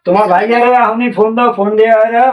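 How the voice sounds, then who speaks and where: A man's voice: extremely high pitch, steady tone, racing, highs cut off. An actor playing a husband back from years abroad who insistently demands his savings, with a Bangladeshi accent. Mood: angry. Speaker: returned migrant worker. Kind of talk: amateur drama acting. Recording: voice distant from the mic.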